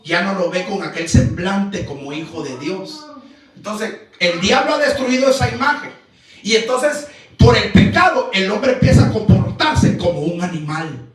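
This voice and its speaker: A man preaching in a church, with a very high voice that swoops up and down as he stresses his points. He fires rhetorical questions at the congregation and breaks into shouts. The sound carries heavy reverb from the hall. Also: lively intonation, normal speed, soft background music. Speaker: pastor. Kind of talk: Pentecostal-style sermon. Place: church sanctuary. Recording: very echoey church hall, mic far off.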